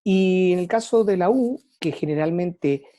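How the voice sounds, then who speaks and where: A woman teacher lectures to her students, pausing often on fillers as she gathers her thoughts. Her voice sits a little low and sounds mellow. The recording is close and dry. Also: dry recording. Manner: thinking aloud with frequent "eh" fillers and restarts. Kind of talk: online class lecture.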